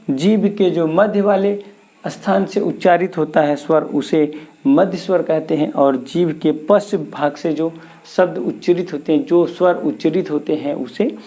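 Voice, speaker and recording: Man, teacher, mellow voice, exam-prep grammar lesson, asks and answers his own questions. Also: a little high. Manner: poses questions and answers them himself.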